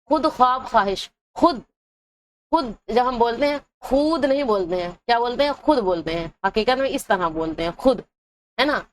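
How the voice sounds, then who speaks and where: Lady teacher going over grammar, asks then answers herself, kinda high voice, stretches the example words. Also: animated, slight background noise. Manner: asks her own questions and answers them, repeating terms slowly; drags out example words to show their pronunciation. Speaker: Urdu teacher. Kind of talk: exam-prep lesson.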